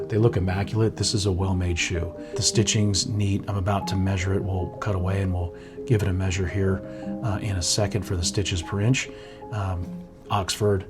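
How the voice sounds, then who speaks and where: A man giving a thorough, relaxed product review at a table, often checking in with "right?" as he goes. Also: on the low side. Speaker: menswear reviewer. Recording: guitar music underneath. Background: guitar music.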